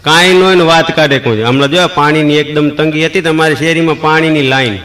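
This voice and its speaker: A man's voice: on the high side, brisk, fairly bright tone. A man with a Kathiyawadi Gujarati accent doing stand-up comedy, telling folksy anecdotes and acting out the dialogue.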